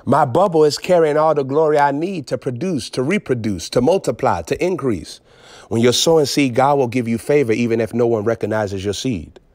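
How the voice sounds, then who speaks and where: A man preaching with emphatic swings between low intensity and raised outbursts. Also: brisk, a little mellow, no echo. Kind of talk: preaching on a phone broadcast.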